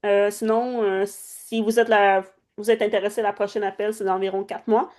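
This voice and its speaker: A woman's voice: medium pitch, little pitch movement, moderate pace, darkish tone. A woman with a Canadian French accent hosting an online meeting in an informal, chatty way. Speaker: meeting host. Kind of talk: casual hosting of an online networking call.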